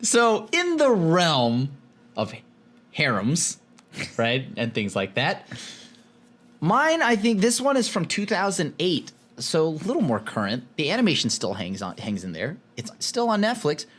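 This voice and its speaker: A man from California co-hosting a podcast in casual chat, animated and laughing often, with many restarts. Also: a little high, unhurried. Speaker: podcast co-host.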